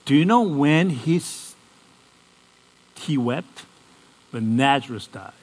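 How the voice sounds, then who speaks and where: A man's voice: medium pitch, animated, slow pace, poor audio. A man preaching a sermon. He keeps asking the congregation questions and acts out Bible characters in casual modern speech.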